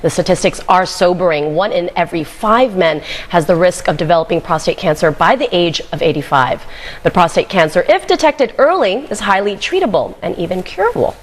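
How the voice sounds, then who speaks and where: A young adult woman anchoring a morning news show, chatty in banter and crisp when reading stories. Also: lowish voice, lively intonation, a little fast. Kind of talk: morning news chat and newsreading.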